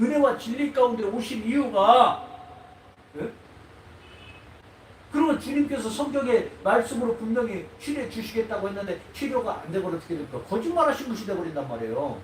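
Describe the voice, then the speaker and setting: Man, pastor, sermon, animated, lively pitch, distant mic, faint noise. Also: a little fast. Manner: animated, prods the congregation with "eh?". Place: church sanctuary. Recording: echoey hall, mic far off, faint noise.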